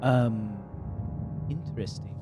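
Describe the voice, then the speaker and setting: A man voicing an anxious, polite fantasy outcast in a tabletop game, speaking haltingly in broken grammar with dropped articles. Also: mid-range voice, music in the background, pitched below the performer's own voice, natural voice. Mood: worried, hesitant.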